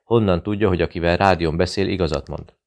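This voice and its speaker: A man's voice: low voice, gravelly, a little mellow. A man voicing a shrewd, polite male veteran in an audiobook, asking probing questions.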